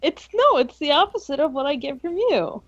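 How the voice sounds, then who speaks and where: A woman's voice: high-pitched, sing-song, normal speed, no room sound, highs cut off. A woman co-hosting a let's play, chatting casually with friends. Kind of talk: casual gaming chat among friends.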